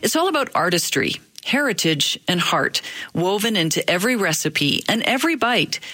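A woman hosting a radio interview show, reading a polished, expressive introduction and then chatting with her guest. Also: medium pitch, moderate pace, slightly rough, no room sound. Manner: polished, expressive storytelling delivery. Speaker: radio talk show host.

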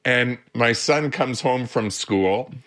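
A man's voice: medium pitch, slow pace, a bit bright. A man, a therapist guest on a radio show, telling anecdotes with frequent chuckles. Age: 70s. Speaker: therapist and social worker guest. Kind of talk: radio interview, storytelling.

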